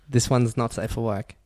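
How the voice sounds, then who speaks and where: A man's voice: mid-range voice, a little mellow, no room sound. Young male podcast host, mid-range voice, crude and giggly, reads confessions with laughs breaking through. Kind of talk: casual podcast chat, reading out listener confessions.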